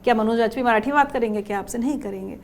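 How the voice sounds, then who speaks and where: Female panel host, high voice, pointed rhetorical questioning. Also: racing, vocal fry. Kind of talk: hosting a panel discussion.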